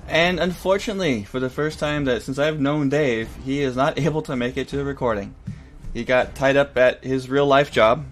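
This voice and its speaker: A man's voice: medium pitch, moderate pace, soft background music. A man hosting a podcast with casual, conversational banter. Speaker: podcast host.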